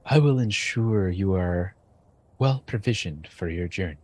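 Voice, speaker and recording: A man's voice: deep voice, lively intonation, darkish tone. A man doing a grave blind shaman. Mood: solemn. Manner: slow, grave, measured delivery.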